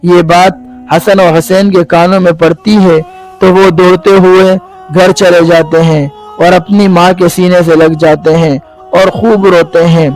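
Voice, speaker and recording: A man's voice: high voice, a little mellow, poor audio. A man narrating a devotional story in a solemn manner, speaking directly to his viewers. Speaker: religious storyteller.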